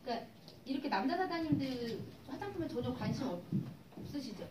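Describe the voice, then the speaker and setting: Her high voice has a sing-song quality and a fairly quick pace as this cosmetics business presenter demonstrates skincare for a hall audience. Chatty and storytelling, she acts out exchanges with customers during the live seminar. The sound is very noisy, echoey, and recorded from a distance.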